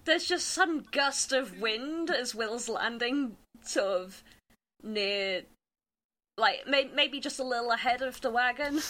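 Female tabletop player, higher-pitched, bright forward voice, casual in-game banter. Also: slow pace.

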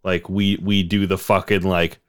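A laid-back young man pitching ideas on a podcast, relaxed and enthusiastic, swearing casually. His voice is lowish and smooth. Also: unhurried. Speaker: podcast co-host. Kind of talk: casual story brainstorming.

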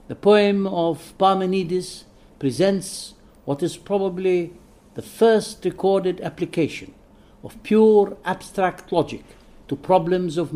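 A man with a high voice, not a native English speaker, reads a prepared scholarly lecture in a measured way, with soft hesitations.

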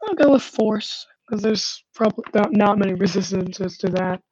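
A woman's voice: medium pitch, moderate pace, darkish tone, breathy edge, dry recording. A woman playing a tabletop game, giving short easygoing answers. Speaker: player. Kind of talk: casual tabletop game play. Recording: dull lo-fi.

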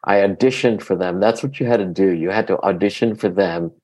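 Recorded with poor audio, his low, darkish voice moves along fairly quickly. As an actor guesting on an interview, the Greek-speaking man, raised in Queens, New York since early childhood, recounts personal anecdotes in a chatty way.

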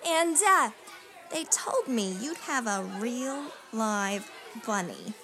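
A woman playing an excitable, gushing mother who is hosting a children's party. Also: on the high side, takes it slowly. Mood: eager, polite.

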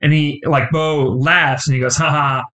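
A man's voice: a little high, moderate pace, low-quality recording. Easygoing man recounting a scene. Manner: relaxed storytelling, heavy use of "like". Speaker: podcast co-host. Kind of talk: casual chat reviewing a show.

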